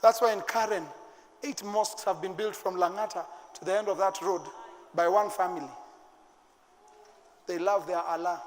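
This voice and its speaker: High-voiced Kenyan pastor preaching fervently. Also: male voice, a little hiss or hum. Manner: fervent preaching with sudden shouted bursts. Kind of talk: sermon. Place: church sanctuary. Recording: long church-hall reverb.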